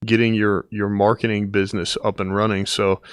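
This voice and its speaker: A man's voice: lowish voice, flat delivery, fairly quick, clear, resonant tone, no room sound, clean studio sound. A man hosting a podcast in a casual, upbeat way, with many fillers and restarts. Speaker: podcast host.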